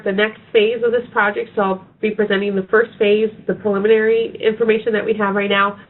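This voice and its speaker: A sick woman veterinary researcher with a raspy voice, presenting a webinar with hesitant ums and restarts. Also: mid-range voice. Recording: tinny phone-like webinar audio.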